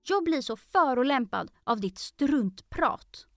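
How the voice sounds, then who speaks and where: Woman doing a grumpy easily offended mouse, snappy and stern, high-ish. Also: animated, dry recording, clean studio sound, faint music behind. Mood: angry.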